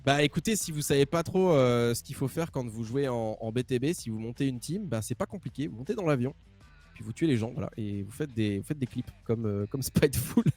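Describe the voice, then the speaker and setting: A man's voice: medium pitch, fairly quick, soft background music. A man giving casual, emphatic live commentary as an esports caster. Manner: excitable, emphatic. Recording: clear game noise behind the voice.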